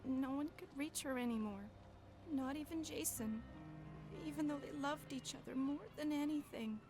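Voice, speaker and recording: A woman's voice: high voice, moderate pace, natural voice. An actress playing a grieving young woman in a video game, telling her story earnestly and sorrowfully. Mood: sad. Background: game music.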